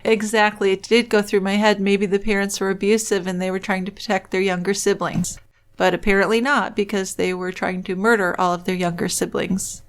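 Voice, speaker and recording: A woman co-hosting a true crime podcast, expressive, reacting and asking questions. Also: medium pitch, brisk. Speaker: podcast co-host. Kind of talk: casual true crime chat.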